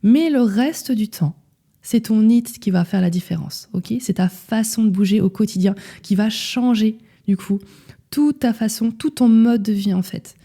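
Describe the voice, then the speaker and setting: Young female podcast host, mid-pitched and deeply mellow, direct and chatty, keeps checking in with her listener. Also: unhurried. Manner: casual, direct, addresses listener as tu, frequent "d'accord?". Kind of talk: solo podcast talk.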